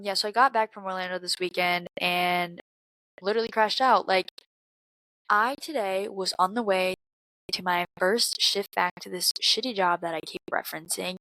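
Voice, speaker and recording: A woman's voice: mid-range voice, moderate pace, bright, forceful tone, no echo, low-quality recording. Twenty-something girl ranting on her podcast, kinda stuffy from crying, lots of cursing and likes, super dry close mic. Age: 20s. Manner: candid and profane, frequent fillers and slang. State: congested from crying. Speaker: podcast host. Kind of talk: casual confessional monologue.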